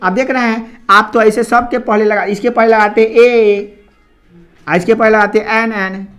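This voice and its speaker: A man's voice: high-pitched, level tone, a little slow, a bit bright, faint music behind. A man teaching a grammar lesson to a class. He repeats each point and keeps asking whether the students have understood.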